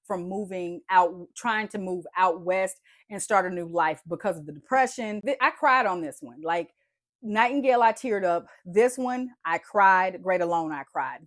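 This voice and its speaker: A fairly low-pitched woman's voice, stuffy and congested, comes through clean studio sound with no echo. She's a book vlogger chatting casually about books she loved, animated and chatty, with frequent "y'all" and "like."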